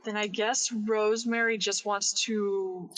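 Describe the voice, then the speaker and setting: A player in a tabletop game, talking deliberately and planning each move carefully. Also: mid-range voice, level tone, fairly bright tone, rough recording. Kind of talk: casual tabletop play.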